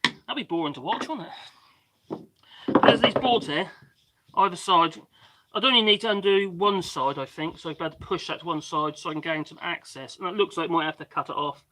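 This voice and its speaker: Bright-voiced man with a mixed Norfolk accent. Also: a little fast, dry recording, poor audio. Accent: Norfolk English, mixed. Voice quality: squeaky. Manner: rambling, chatty, self-interrupting. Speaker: livestream host doing DIY work. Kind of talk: casual livestream chat.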